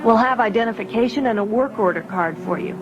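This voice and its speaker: An actress playing a commanding young rebel princess with an American accent, brisk and businesslike, in an audio drama. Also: female voice, on the high side, highs cut off, music in the background, close to an everyday voice. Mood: firm, assured. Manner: businesslike, assured, clearly articulated.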